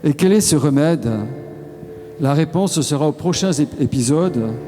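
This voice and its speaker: A man preaching a sermon, slow and measured, pausing between short solemn phrases. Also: fairly high pitch. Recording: long reverb with soft music behind.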